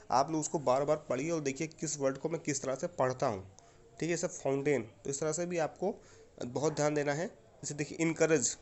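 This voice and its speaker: A young adult Indian man, an English teacher, explaining exercise answers to students in Hindi mixed with English with an Indian accent, slowly and with many repeats and check-ins. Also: fairly high pitch. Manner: explains slowly and repeats, often asking "okay?". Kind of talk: online class lesson.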